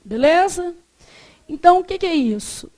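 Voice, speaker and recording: A woman's voice: very high-pitched, expressive, normal speed, darkish tone. A woman with a Brazilian accent teaching a grammar class, asking the students to fill in words and repeating the answers. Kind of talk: classroom lecture.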